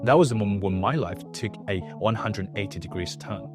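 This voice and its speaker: A man's voice: on the low side, fairly quick. Earnest young man telling a story. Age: 20s. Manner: earnest, animated storytelling with acted-out quotes. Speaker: YouTuber. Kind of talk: storytelling vlog monologue. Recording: faint background music.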